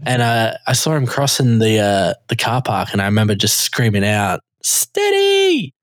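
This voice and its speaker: A young Australian man, a podcast co-host, telling casual stories with dry deadpan jokes. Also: fairly low pitch, moderate pace, no room sound. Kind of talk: casual chat.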